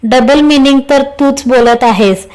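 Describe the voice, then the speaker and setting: A woman's voice: sits high, a little slow, darkish tone, smooth. A woman voicing Abhay, a teasing young man. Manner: teasing and playful.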